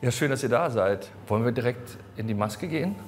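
A man's voice: mid-range voice, lively intonation, a little fast, darkish tone, slight background noise. A man in his forties hosting a casual chat backstage, chatty and teasing, laughing easily. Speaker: host. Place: backstage dressing room in a studio.

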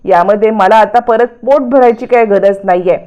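A woman's voice: medium pitch, moderate pace, muffled recording, lightly acted. A woman voicing an angry elderly male patriarch who scolds his family indignantly while retelling a TV serial episode. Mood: indignant scolding.

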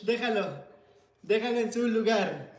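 A man's voice: high-pitched, lively intonation, unhurried. A father, hosting a casual family livestream, playful and teasing with his kids. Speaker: father and vlog host. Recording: echoey room with clear noise.

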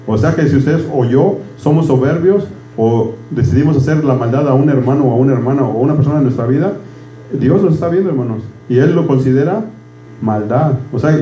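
Pastor in a dark, echoey room. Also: male voice, fairly high pitch. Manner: conversational, asks "¿verdad?" constantly, switches into English words. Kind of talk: sermon. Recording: echoey room with faint hum.

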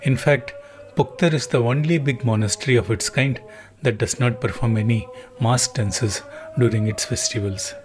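A man narrating a travel documentary in a calm, even, scripted voice-over. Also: medium pitch, moderate pace. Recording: voice-over with music underneath.

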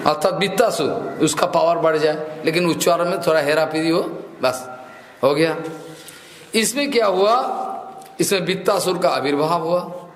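A man with a high voice preaches a devotional story at a slow, deliberate pace. He circles back over his phrases and slips into the voices of the people in the tale. The sound rings through an echoey hall with a long reverb tail. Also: a bit bright. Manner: repeats and restarts phrases, acting out quoted voices. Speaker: preacher telling a scripture story.

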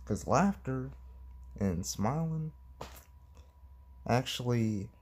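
A man's voice: mid-range voice, lively intonation, drawn-out words, a little mellow, breathy edge. A man talking to the camera in a casual, rambling vlog, hesitant and giggly, with many restarts, recorded on a phone. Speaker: vlogger.

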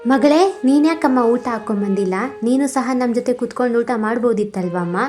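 A woman voicing a frail elderly beggar man in a cartoon, speaking softly and humbly as he begs. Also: on the high side, a little fast, faint music behind, lightly acted. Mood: pleading. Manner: soft, humble, begging.

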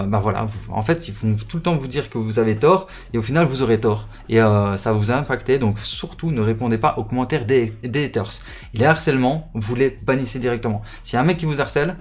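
A man's voice: mid-range voice, fast talker. A man, a gaming YouTuber chatting casually with his viewers in a hesitant way, full of fillers and repeated words.

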